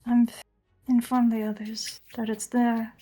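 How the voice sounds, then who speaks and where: A woman's voice: a little high, little pitch movement, a little slow, mellow, soft background music. A woman talking casually as a player at a tabletop game.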